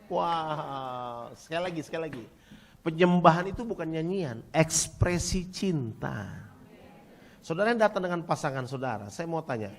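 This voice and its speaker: High-voiced man preaching with force. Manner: emphatic preaching, rising to near-shouts, then dropping quiet; addresses congregation directly, asks for replies. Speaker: pastor. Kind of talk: sermon.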